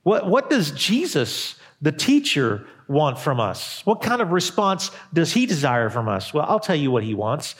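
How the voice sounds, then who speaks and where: Animated male pastor, lively high voice. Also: measured pace, hardly any pauses. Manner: preachy and animated, with repeated phrases and sudden drops to a hush. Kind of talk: sermon.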